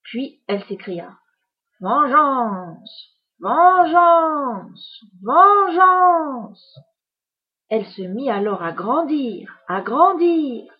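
Woman storyteller, soft husky narration, unhurried, dull recording. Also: medium pitch, expressive. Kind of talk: storybook reading aloud.

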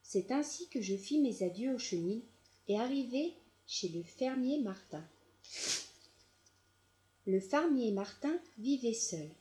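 A woman reading a children's audiobook aloud in a gentle, measured storytelling manner. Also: a little high, animated. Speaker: storybook narrator.

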